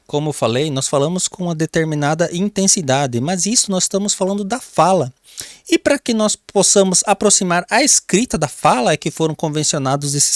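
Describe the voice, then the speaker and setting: A man with a Brazilian accent teaching a grammar lesson for an exam, often calling the class "pessoal" and drawing out key words slowly while he writes on a board. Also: on the high side, dry recording, clean studio sound. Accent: Brazilian Portuguese. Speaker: Portuguese teacher.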